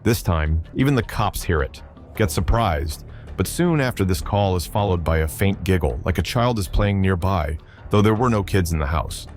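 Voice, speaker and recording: Low voiced guy doing spooky scripted narration, bit of music under it. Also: lively intonation, normal speed. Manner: ominous, suspense-building. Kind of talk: scripted true-crime narration.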